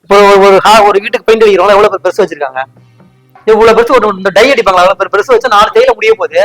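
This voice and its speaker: A man plays a demanding salon customer in a prank, arguing and complaining without pause. His voice sits high for a man and the words tumble out quickly. Light music runs faintly underneath. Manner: loud, nagging, picks arguments. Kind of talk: hidden-camera prank banter.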